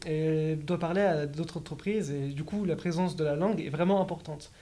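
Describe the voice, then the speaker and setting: A teenage girl with a notably low voice interviews her classmates. She poses her questions with small hesitations and fillers. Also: fairly quick, dark tone. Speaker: student interviewer.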